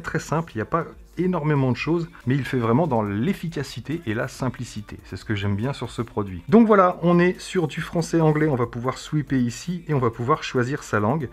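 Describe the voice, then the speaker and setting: A man's voice: mid-range voice, breathy edge. A man reviewing a tech product, explaining its menus in a casual demo with frequent hesitations. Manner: explanatory, with frequent "euh" fillers.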